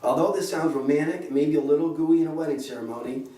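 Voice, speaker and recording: At a wedding venue, a middle-aged man, the groom's father, officiates and delivers a wedding speech full of joking anecdotes and frequent chuckles. His voice is on the high side, fast and dark in tone. The recording sounds roomy and distant with faint ambience.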